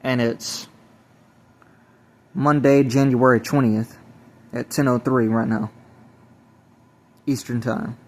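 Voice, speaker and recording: A man who calls himself an evangelist records a rambling personal testimony to a camera or phone. His medium-pitched voice is flat, and he speaks haltingly, repeating himself and restarting phrases.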